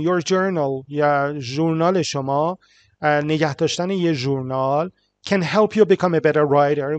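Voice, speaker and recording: A Persian-accented man, fairly high-pitched with a darkish tone, leads an English writing lesson. He reads lines slowly and clearly, then translates them rapidly with small fillers.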